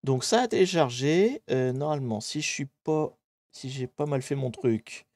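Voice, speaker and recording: A man with a French accent hosting a live stream in a relaxed, rambling way, with lots of fillers and self-corrections. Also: mid-range voice, normal speed, dry recording, clean studio sound. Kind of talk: casual live-stream chat.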